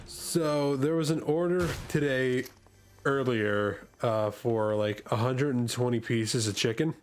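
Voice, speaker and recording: A man's voice: mid-range voice, takes it slowly, darkish tone, soft background music. Man chatting casually, rambling. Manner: rambling, laughs often, swears casually. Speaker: streamer. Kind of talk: casual chat. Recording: faint background noise.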